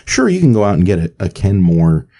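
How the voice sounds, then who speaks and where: Brief: low, mellow male co-host, lively intonation, casual enthusiastic chat. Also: vocal fry. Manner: chatty, enthusiastic, quick affirmations. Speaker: podcast co-host.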